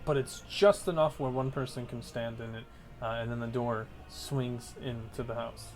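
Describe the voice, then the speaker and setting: A man's voice: medium pitch, fairly even intonation, moderate pace. Man game-mastering over faint music. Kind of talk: narrating a tabletop role-playing game.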